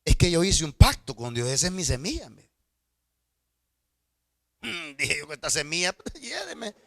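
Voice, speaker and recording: A middle-aged man preaching a storytelling sermon as a pastor, swinging from loud outbursts to hushed asides and stammering repetitions. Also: a little high, very animated, moderate pace, creaky, no room sound. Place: church.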